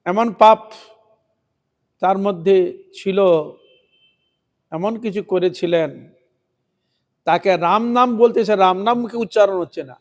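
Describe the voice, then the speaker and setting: A man giving a devotional sermon, asking rhetorical questions and repeating chanted words. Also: sits high. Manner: repetitive chanting of words, rhetorical questions, slows to intone verses. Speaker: preacher.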